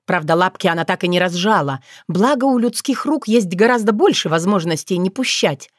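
A woman's voice: on the low side, expressive, brisk, no echo, studio quality. Woman narrating an audiobook.

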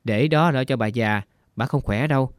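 A man's voice: medium pitch, normal speed, dry recording, studio quality, close to an everyday voice. A man reading the part of a caring woman, a loyal old friend, speaking in a coaxing, reassuring way. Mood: soothing.

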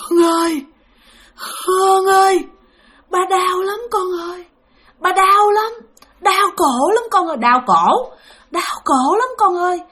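Woman doing old grandpa ghost, high crying wail, pleads over and over. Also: very animated, fairly quick, fairly bright tone. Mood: pleading. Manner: sobbing, pleading, repeats cries. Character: dead grandfather's ghost, old man, pained, weeping.

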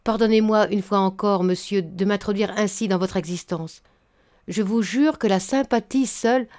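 A woman reading a story aloud, voicing an old spinster matchmaker who speaks in a flattering, unctuous way. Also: medium pitch, moderate pace, close to an everyday voice. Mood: coaxing. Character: old honey-tongued spinster matchmaker, scheming. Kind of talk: audiobook reading.

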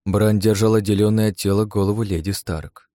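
A man reading a first-person adventure audiobook in a steady, measured storytelling voice. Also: fairly low pitch, no room sound, studio quality. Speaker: audiobook narrator. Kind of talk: first-person scripted narration.

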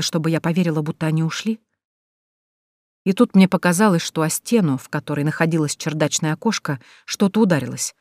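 A woman's voice: lowish voice, darkish tone, dry recording, studio quality. A woman reading a first-person audiobook with tense, dramatic storytelling. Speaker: audiobook narrator.

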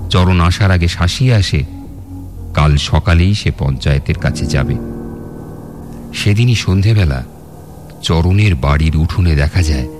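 A man's voice: low-pitched, measured pace, pauses often. An actor playing a man recounting his own eerie tale, with suspenseful, dramatic radio narration. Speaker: storyteller narrator. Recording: background music under narration.

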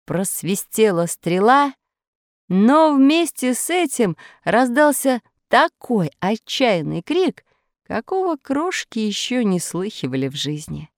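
A woman narrating a storybook in an expressive storytelling way. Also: a little high, slow, no room sound, clean studio sound. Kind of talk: storybook reading.

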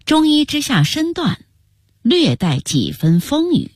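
A woman telling a historical story in scripted narration, with an expressive, melodic delivery. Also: sits high, slow, dry recording, studio quality. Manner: expressive, rising and falling melodically.

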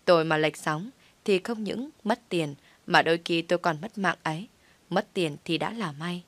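Low-voiced woman reading a comic story. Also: moderate pace, dry recording. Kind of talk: first-person comic story narration.

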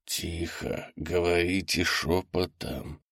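Man doing a tense, guarded archaeologist, low voice, dry audiobook read. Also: slow, no echo. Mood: hushed tense. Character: tense, frightened male archaeologist.

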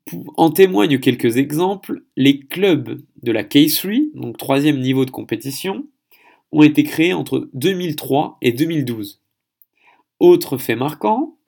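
A man's voice: a little high, creaky, a little mellow. A man hosting a solo podcast episode, speaking in a chatty, hesitant way and stumbling over foreign names. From France. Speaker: podcast host.

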